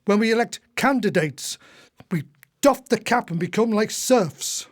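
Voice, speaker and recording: An unhurried, high-pitched man with lively intonation acts as an aging retired husband in a radio drama. The character is a disillusioned old socialist, indignant, exasperated and prone to going on and on.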